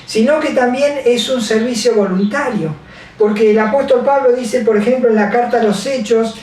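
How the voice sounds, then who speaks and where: A woman delivers a sermon in a halting way. She repeats chapter and verse and leans on fillers. Her voice rings through a very reverberant church hall, picked up from far off. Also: on the high side, a little mellow. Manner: halting, repeats scripture references, many fillers. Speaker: preacher. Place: large echoey church hall.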